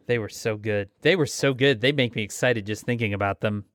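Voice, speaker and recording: A man co-hosting a podcast in casual chat, animated and exclamatory. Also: on the low side, normal speed, dry recording, studio quality. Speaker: podcast co-host.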